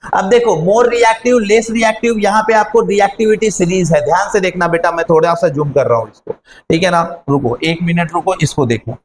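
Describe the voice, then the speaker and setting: A man's voice: sits high, steady tone, moderate pace, faint music behind, poor audio. A man teaching a chemistry lesson online, repeating key words and quizzing his pupils as he goes.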